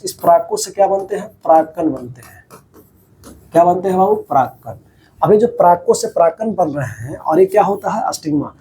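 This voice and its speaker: A man's voice: on the high side, dark tone, a little hiss or hum. A man teaching a biology class over diagrams, repeating each key term as a question to his students and calling them "babu".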